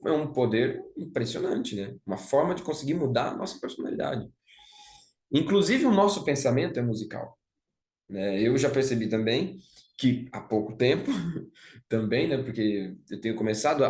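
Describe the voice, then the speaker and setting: A man's voice: mid-range voice, darkish tone. Young Brazilian man giving a reflective talk. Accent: Brazilian Portuguese. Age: young adult. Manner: thoughtful, with frequent "né?" and restarts. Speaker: speaker giving a talk on music. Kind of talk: reflective spoken lecture. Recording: roomy echo.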